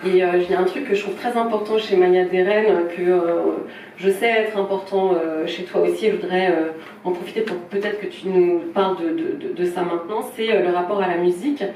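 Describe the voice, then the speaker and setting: A woman's voice: lowish voice, steady tone, brisk, a little mellow. A woman presenting a filmmaker at a small event, speaking informally, hesitant and apologetic, with many restarts. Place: film shop event room, with people present. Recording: roomy, distant mic, faint noise.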